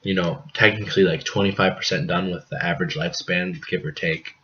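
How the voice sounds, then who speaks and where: A young man from the US Midwest co-hosting a casual podcast, joking and rambling with deadpan asides, coughing now and then. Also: sits low, brisk. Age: young adult. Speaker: podcast co-host. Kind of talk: casual chat. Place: apartment living room. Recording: dull lo-fi home recording, faint noise.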